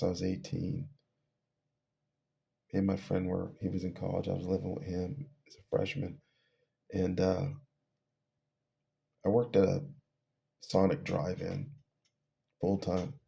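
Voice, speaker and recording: A middle-aged man casually tells a personal testimony, rambling and laughing between phrases as he trails off. His deep, dark voice is monotone and creaky at a measured pace, with long pauses. The sound is lo-fi.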